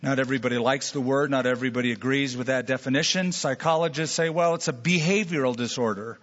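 A man's voice: mid-range voice, quick pace, a bit bright, long reverb tail, lo-fi sound. A man preaching a sermon as pastor, telling stories and acting out imagined voices to make his point.

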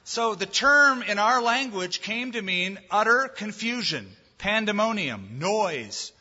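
A man's voice: sits high, big pitch swings, slow, sharp tone, big-room sound, dull audio. A male pastor preaching emphatically, asking the congregation questions and ending in prayer. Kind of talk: sermon and closing prayer.

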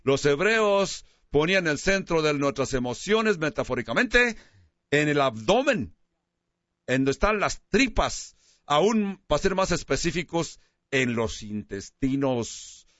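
A man preaching a sermon as a pastor, slowing down to stress key words. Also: on the high side, sing-song, fairly bright tone, no room sound, highs cut off.

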